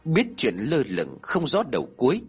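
A man narrating a ghost story in a dramatic, expressive way. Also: mid-range voice, normal speed, husky, faint music behind.

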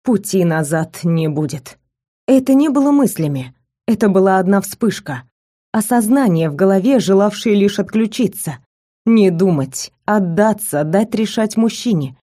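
A woman reading a first-person romance story aloud with measured, intimate storytelling. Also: mid-range voice, expressive, mellow. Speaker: narrator.

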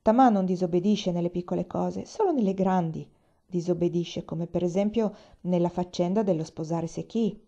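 A jittery, good-humoured young man, read by a woman narrator in a storybook, rushing his words and fretting. The voice is mellow and warm, on a dull, lo-fi recording. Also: fairly low pitch. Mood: matter-of-fact. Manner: hurried, fretful. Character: nervous jovial young man, easily flustered.

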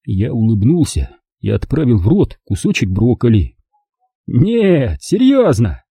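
Man reading an audiobook, husky and dark, lively pitch, dry sound. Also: normal speed, no echo. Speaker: audiobook narrator. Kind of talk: first-person audiobook narration.

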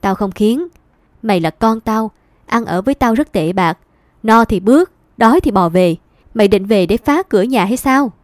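A woman's voice: medium pitch, lively intonation, moderate pace, a little mellow, no room sound, close to an everyday voice. A woman narrator puts on a hard, bitter older mother who scolds her son without mercy. The voice is harsh and raised, and every line lands as a rebuke. The sound is dry and close. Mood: scolding.

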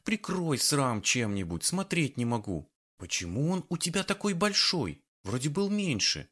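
A man voicing a sharp-tongued scolding young woman. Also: fairly high pitch, very animated, moderate pace, slightly rough, voice pushed up, exaggerated voice. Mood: exasperated. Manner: scolding, mocking.

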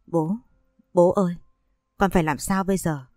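A woman's voice: lowish voice, steady tone, normal speed, darkish tone, no echo, clean studio sound, lightly acted. A woman voicing a heartbroken young woman teacher who speaks in a pleading, tearful way.

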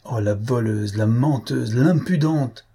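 A man voicing a spiteful young village woman who accuses loudly, in a storybook reading. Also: normal speed, slightly rough. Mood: accusing. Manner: accusing and shrill.

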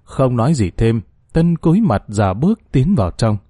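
A man's voice: mid-range voice, sing-song, normal speed, warm tone, no room sound, studio quality. A man narrating a ghost story in a scripted reading, giving the characters small acted shifts.

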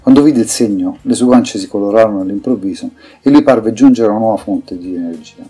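A man narrates a fantasy audiobook in an even, measured read. His voice is low and dark with a husky edge. Soft music plays faintly underneath.

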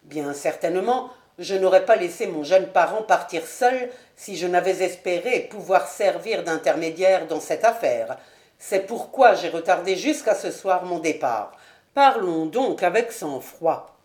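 A woman's voice: fairly low pitch, expressive, measured pace, a little mellow. Woman doing a grave, courtly marquis. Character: dignified older marquis, proud and courteous. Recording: roomy home recording.

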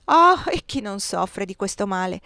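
A woman's voice: mid-range voice, big pitch swings, a little slow, creaky, sharp tone, no room sound, clean studio sound, full character voice. A woman voicing a worldly, sly cardinal with a mellifluous, ironic voice. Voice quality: honeyed, mellifluous voice. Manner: dismissive, ironic.

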